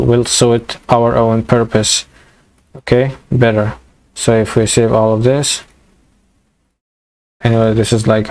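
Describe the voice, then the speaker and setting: Halting man teaching code, voice going. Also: mid-range voice, darkish tone. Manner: halting, many fillers and restarts. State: losing his voice. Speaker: programming tutor. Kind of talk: screen-recorded coding tutorial.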